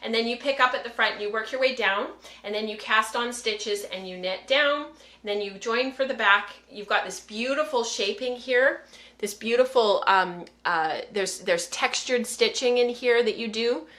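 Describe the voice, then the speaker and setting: A woman's voice: a little high, normal speed, a bit bright. A woman casually showing her handmade work in a chatty way, full of fillers and restarts, heard from some distance in an echoey room. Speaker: fiber arts vlogger. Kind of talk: casual show-and-tell. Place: indoor room. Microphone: distant mic after standing up. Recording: echoey room sound, away from the mic.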